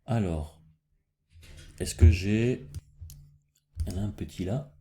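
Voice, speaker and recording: A man's voice: fairly low pitch, takes it slowly, mellow, a little hiss or hum. A man hosting a casual coding lesson, thinking aloud as he works, with frequent fillers and restarts. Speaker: programming tutorial host.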